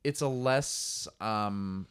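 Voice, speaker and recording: A low-voiced man co-hosting a podcast, laid-back and wry in his delivery. The sound is dry and close to the mic, with no room around it. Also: drawn-out words, clear, resonant tone, dry recording. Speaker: podcast co-host. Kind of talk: casual chat.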